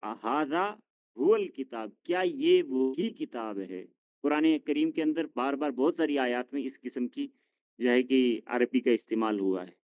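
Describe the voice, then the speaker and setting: A man leads a classroom drill, patient and encouraging, correcting students gently. His voice sits at a middling pitch. The sound is dry and close, with no room echo. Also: animated, a little slow. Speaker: Arabic teacher.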